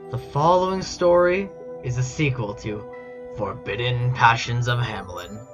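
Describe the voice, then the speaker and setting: A man streams casually, reading fan fiction aloud in a mock-dramatic, amused and incredulous way. His mid-range voice is a little slow, captured on a dull lo-fi mic with background music.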